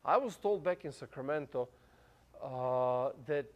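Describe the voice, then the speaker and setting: Speaking at a measured pace, a man in his thirties preaches an informal sermon in non-native, foreign-accented English. His medium-pitched voice is animated, and his chatty pastor's delivery is riddled with fillers and restarts, broken up by ready laughs.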